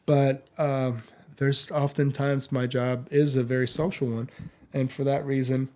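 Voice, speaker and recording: A man's voice: mid-range voice, level tone, measured pace. A man speaking as a sommelier guest in a casual podcast interview, with a blunt way of talking.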